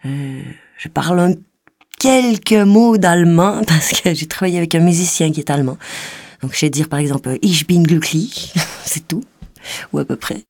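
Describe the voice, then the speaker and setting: A theatre actress from Quebec with a Québécois French accent, tinged with Swiss Jura, talking casually and reflectively, with light laughs now and then. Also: female voice, lowish voice, normal speed, a little mellow, no echo, clean studio sound. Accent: Québécois French, slightly mixed with Swiss Jura. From Quebec, Canada. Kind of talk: casual personal talk.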